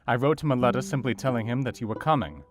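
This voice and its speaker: An actor playing an earnest, educated Victorian doctor, narrating his diary in a measured, formal way for an audio drama. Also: mid-range voice, a little hiss or hum, lightly acted. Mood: sober, reflective. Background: soft guitar music.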